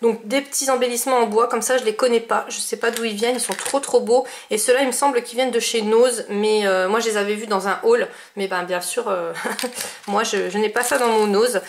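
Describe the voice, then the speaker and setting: A woman's voice: fairly high pitch, steady tone, a little fast, slight background noise. A woman chatting casually about the crafting mail she received, with many fillers and restarts. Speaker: scrapbooking vlogger. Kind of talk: casual chat showing mail.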